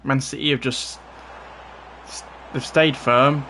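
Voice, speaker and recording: A man livestreaming a football game, giving casual running commentary with bursts of excitement. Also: medium pitch, slow pace, slight background noise. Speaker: streamer playing a football game. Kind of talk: live gameplay commentary.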